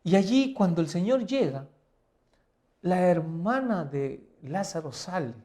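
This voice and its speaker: With a high-sitting voice and lively intonation, this pastor moves a little slowly through a sermon-style Bible lesson. He keeps posing rhetorical questions to the listener, his emphasis rising loud and dropping quiet.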